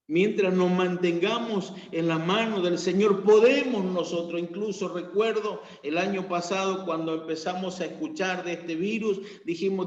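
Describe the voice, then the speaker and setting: A man's voice: darkish tone, highs cut off. Male Argentine pastor, sermon delivery, emphatic swells, echoey church room. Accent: Argentine Spanish. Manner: preaching, rising to emphatic peaks then dropping low.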